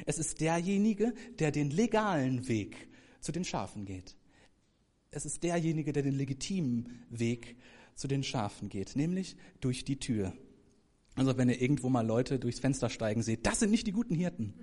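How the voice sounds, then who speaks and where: A man preaching a sermon to a congregation, talking to them directly, now rising to loud emphasis, now dropping soft and slow. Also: mid-range voice, expressive. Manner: addresses congregation directly, swells for emphasis then drops soft.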